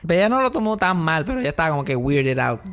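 Podcast host, young Puerto Rican man, slightly higher voice, lively comic storyteller. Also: very fast. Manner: animated, mixes in English words, acts out scenes. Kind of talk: casual comedic storytelling.

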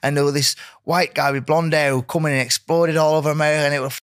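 Man, rapid speech, earnest and rambling, matey podcast guest, dry sound. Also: on the high side, fairly even intonation, no room sound. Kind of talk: casual chat.

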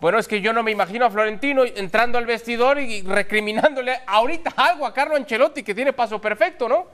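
A man's voice: extremely high pitch, quick pace, fairly bright tone. A man hosting a football talk show, presenting and passing questions to his colleagues. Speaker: sports show host.

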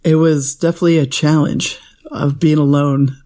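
A man co-hosting a podcast in a casual chat, telling a story in an animated way and laughing often. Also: fairly high pitch, normal speed. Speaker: podcast co-host.

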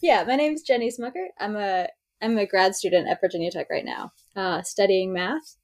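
A woman's voice: medium pitch, moderate pace, a little mellow. A young woman in her twenties co-hosting a podcast, giggly and self-deprecating in casual chat. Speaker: podcast co-host.

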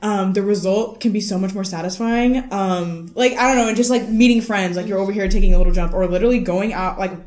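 A woman's voice: mid-range voice, steady tone, fast talker, hardly any pauses, darkish tone. A nineteen-year-old woman from Texas, a podcast guest chatting in a rambling way with many fillers. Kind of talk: casual chat. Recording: echoey room.

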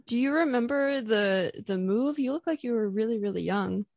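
A woman's voice: on the high side, moderate pace, darkish tone, dry recording. Chatty, nervous young woman host. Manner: nervous, chatty with many fillers and restarts. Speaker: podcast host. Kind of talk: casual interview.

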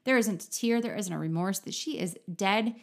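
A woman's voice: mid-range voice, moderate pace. A woman with a mid-range voice talks through a TV recap as a podcast host. She is blunt and opinionated in a casual way and often breaks off to restart a sentence.

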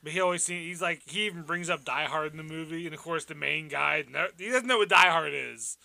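Male podcast co-host, high voice with a gravelly edge, very sharp bright tone, joking around in casual movie chat. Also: no room sound. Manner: jokey, quick quips and put-on shouts.

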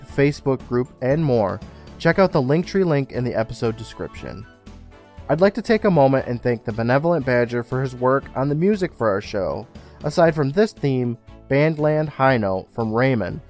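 Animated male podcast host. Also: medium pitch. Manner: animated, retelling scenes with acted quotes. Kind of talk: casual podcast recap and announcements.

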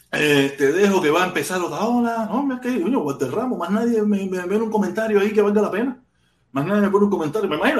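A high-pitched man from Cuba, with a Cuban accent, hosts an informal livestream where he rants about politics and chats with commenters. His talk is repetitive, slangy, and laced with swearing. The echoey, untreated room colors the sound.

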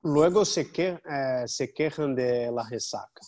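A man's voice: mid-range voice, takes it slowly, a little mellow. A man chatting casually as an interview guest, in Spanish tinged with Portuguese, a mix of the two. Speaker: podcast guest, jiu-jitsu gym owner.

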